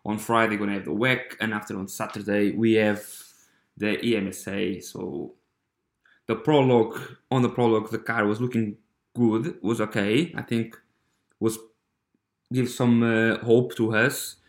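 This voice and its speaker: A man's voice: lowish voice, steady tone. Hesitant Portuguese-accented man, echoey room. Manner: hesitant, halting, with many fillers and restarts. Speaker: podcast host. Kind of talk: casual monologue.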